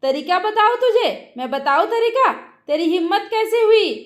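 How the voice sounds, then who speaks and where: Woman doing an angry mother, shrill scolding, echoey room. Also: animated, moderate pace. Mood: furious. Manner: shouting, scolding. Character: angry middle-aged mother scolding her son. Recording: roomy echo.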